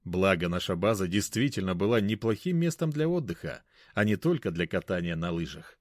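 A man's voice: on the low side, a little mellow, no echo, studio quality. A man narrating a first-person story in a wry, conversational way.

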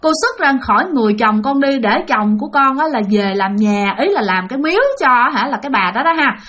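A woman's voice: fairly high pitch, lively intonation, fairly quick, a bit bright. A woman voicing a frightened wife urgently pleading with a spirit in a spoken ghost story.

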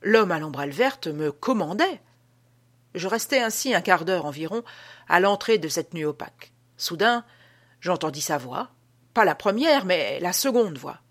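A woman reading an audiobook as an old male prison guard telling an uncanny tale, with a dramatic, hushed delivery. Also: on the low side, expressive, moderate pace. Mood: spooked. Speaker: audiobook reader.

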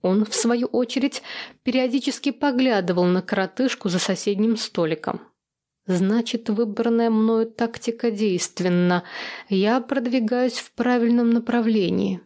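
A woman's voice: on the high side, unhurried, darkish tone. A woman narrating a first-person audiobook in a wry, observant manner.

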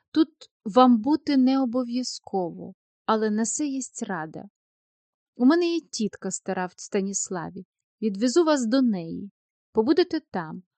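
A woman's voice: a little high, darkish tone, no echo. A woman reading the part of a persuasive male doctor who courts a young woman, in a coaxing, earnest manner. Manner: earnest, coaxing, then defensive. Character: smooth-talking male doctor, persuasive suitor. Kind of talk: audiobook character reading.

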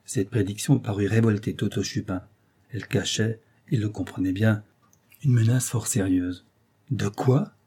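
Male audiobook narrator, measured delivery, dark husky tone. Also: on the low side, steady tone. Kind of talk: scripted narration.

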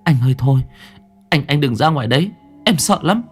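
A man voicing a terrified young wife who pleads and sobs in a high, strained voice. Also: a little fast, darkish tone, slightly rough, faint music behind, natural voice. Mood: pleading.

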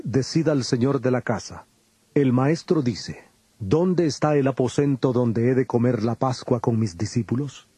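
A man playing Jesus in a dramatized scripture recording, a solemn and authoritative teacher with measured delivery. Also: medium pitch, mellow, husky, dry recording. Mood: instructing. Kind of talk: dramatized scripture audio acting.

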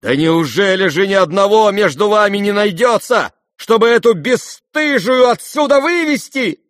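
A man voicing a defiant young woman who shouts, trembling with anger. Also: sits high, expressive, moderate pace, no echo, clean studio sound, voice pushed up. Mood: furious.

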